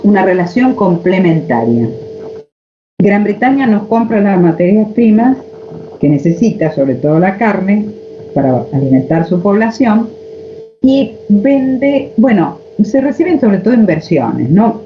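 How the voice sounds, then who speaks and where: A woman with an Argentine accent teaching a history class over a video call, lecturing and posing rhetorical questions to her students. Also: deep voice. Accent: Argentine Spanish. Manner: lecturing, asks rhetorical questions, frequent "este" fillers. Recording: muffled online call audio, faint noise.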